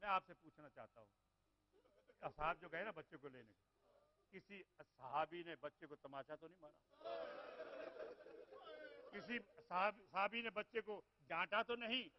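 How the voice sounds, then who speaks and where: A man preaching an impassioned mourning sermon to a gathering of mourners. He moves between hushed, sorrowful narration and wailing cries, and draws out his lamenting phrases. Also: high-pitched, long pauses, crowd noise. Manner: addresses the mourners directly, drawing out lamenting phrases. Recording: dull, lo-fi sermon recording.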